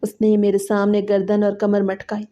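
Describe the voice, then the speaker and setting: A woman's voice: mid-range voice, monotone, warm tone, dull audio. A woman narrating a dramatic first-person story in a fearful, emotional manner.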